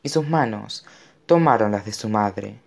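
A man's voice: lowish voice, a little slow, gravelly. Guy reading an audiobook, dramatic storyteller vibe. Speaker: audiobook narrator. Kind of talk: scripted narration.

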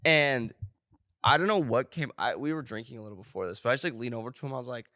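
A man's voice: mid-range voice, fast, sharp tone, no room sound, clean studio sound. A young man co-hosting a podcast, rambling through a story with lots of filler words. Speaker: podcast co-host. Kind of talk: casual podcast chat.

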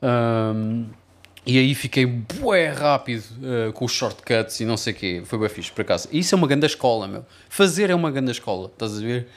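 Male, European Portuguese accent, medium pitch. Relaxed podcast conversation, sweary and slangy, sprinkled with English. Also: moderate pace. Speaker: music producer and mix engineer. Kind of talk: casual podcast chat.

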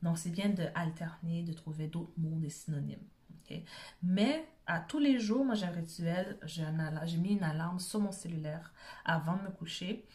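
A woman's voice: fairly low pitch, normal speed, a little mellow. Quebec French woman coaching informally. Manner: conversational, checks in often with short tag questions. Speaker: self-help coach. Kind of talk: informal motivational talk to the listener.

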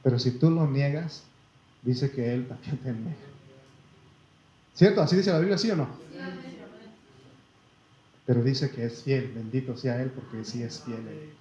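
Here a man's warm, medium-pitched voice carries a Mexican Spanish accent as he preaches, reading Bible verses and calling his audience brother while asking for amens in a folksy manner. The recording has a little hiss or hum, and the echoey room leaves it slightly muffled.

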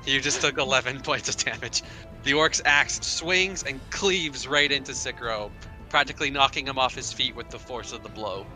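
A man's voice: medium pitch, moderate pace, pushed and bright. A man narrating a tabletop role-playing game as the game master. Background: faint background music.

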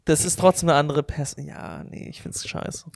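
A man's voice: fairly high pitch, fairly even intonation, normal speed, vocal fry. A man co-hosting a podcast in casual chat, blunt and eager to jump in. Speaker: podcast co-host.

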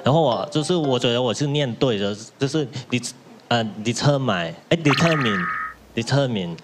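Mid-pitched man, hesitant storyteller. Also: lively intonation, fairly quick, music in the background. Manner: hesitant, many fillers. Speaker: guest panelist. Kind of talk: casual talk-show chat.

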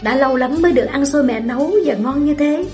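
A woman reading a first-person story aloud in a slow, melancholy way. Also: high-pitched, a little mellow, faint music behind.

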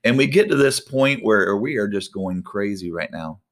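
Animated man in his forties. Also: fairly low pitch, moderate pace. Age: 40s. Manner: animated, conversational, many fillers, acts out exasperated voices. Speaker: volleyball coach and devotional podcast host. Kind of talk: casual devotional talk with prayer.

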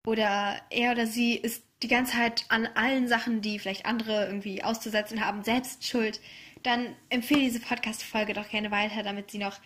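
Woman podcast host, slightly high voice, gentle and encouraging solo talk. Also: little pitch movement, moderate pace. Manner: gentle, encouraging, laughs softly between thoughts.

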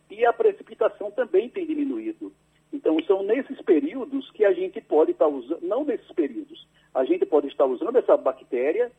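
A man's voice: high voice, breathy edge, narrow, tinny audio. A man explaining his research to a radio host over a landline phone, patient and careful, often tagging his sentences with a questioning "right?". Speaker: agricultural researcher, interview guest.

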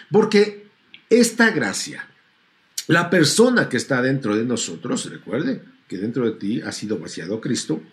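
A man delivering a sermon, his pitch swinging widely from soft low asides to sudden high peaks. He draws out key words slowly and keeps asking rhetorical questions of his listeners. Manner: drawn-out emphatic preaching with rhetorical questions. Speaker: preacher.

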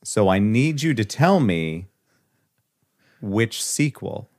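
A man's voice: fairly low pitch, sing-song, slow pace, a little mellow. A man hosting a casual chat, quizzing his friend on movie clips with easy jokes. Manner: jokey, runs a quiz game. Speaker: podcast host.

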